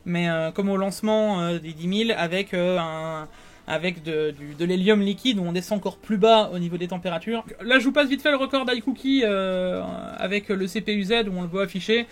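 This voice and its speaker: A man co-hosting a casual tech news show, talking in an animated, questioning way with many fillers. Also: high-pitched, a little fast.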